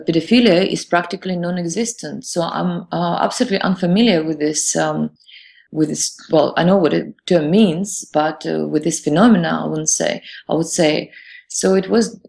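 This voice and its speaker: A woman's voice: fairly low pitch, normal speed, creaky, a little mellow. A woman, answering interview questions hesitantly and searching for words. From Russia.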